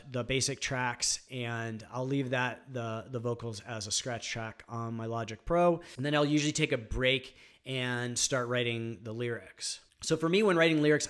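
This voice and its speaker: A man teaching songwriting on guitar in a casual, rambling way, with frequent fillers. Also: mid-range voice. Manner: relaxed, rambling, many fillers like "um" and "like". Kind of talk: casual instructional talk.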